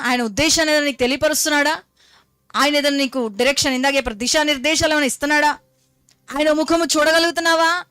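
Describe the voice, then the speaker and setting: A woman's voice: high voice, fairly bright tone, dry recording. A woman preaching a Good Friday sermon, fervent and exhorting, firing rhetorical questions and mixing English phrases into her talk.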